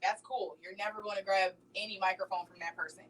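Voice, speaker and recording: A woman's voice: mid-range voice, steady tone, fast, a bit bright, far from the mic, poor audio. A woman speaking as a talk show guest, passionate and emphatic, often checking in with "right?". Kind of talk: casual radio talk show chat.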